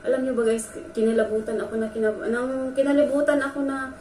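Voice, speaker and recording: A woman's voice: high-pitched, level tone, brisk, mellow. A woman vlogger telling a personal story, earnest and emotional, talking straight to her viewers. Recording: echoey room from a distance with faint noise.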